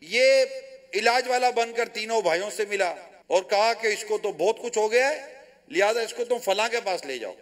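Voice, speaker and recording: Animated high-voiced Pakistani preacher man. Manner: animated storytelling with quoted dialogue. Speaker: religious scholar. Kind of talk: sermon storytelling.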